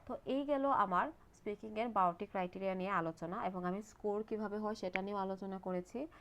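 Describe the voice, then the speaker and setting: A young woman with a Bangladeshi accent, teaching an exam speaking lesson in a clear, explanatory way with lively rise and fall in her voice. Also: mid-range voice, fast. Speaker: IELTS teacher. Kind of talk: video lesson.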